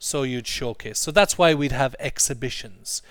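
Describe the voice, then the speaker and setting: A man leads an English lesson, explaining words and having the class repeat phrases after him. His voice is mid-pitched, and the recording sounds dry and close. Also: normal speed, a bit bright, no room sound. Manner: drills pronunciation, repeating phrases for students. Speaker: English teacher.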